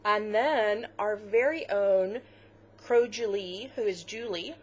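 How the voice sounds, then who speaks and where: A woman's voice: medium pitch, takes it slowly, slightly rough, highs cut off. Chatty woman co-hosting a knitting podcast. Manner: chatty, with fillers, close to tears at times. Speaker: podcast co-host. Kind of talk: casual chat.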